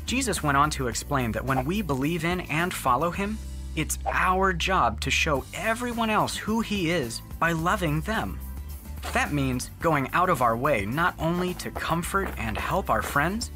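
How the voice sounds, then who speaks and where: A friendly narrator telling a Bible story for children, explaining things simply. The pitch moves up and down in a lively way. Music plays clearly underneath.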